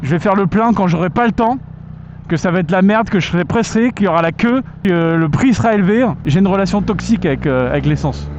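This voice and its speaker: A young moto vlogger with a high voice rides through traffic, chatting to himself in a slangy, jokey way, full of swear words. His voice comes through a muffled helmet mic, with loud wind and traffic noise all around. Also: expressive, quick pace. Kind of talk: casual vlog commentary while riding. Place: outdoors on a motorbike in traffic.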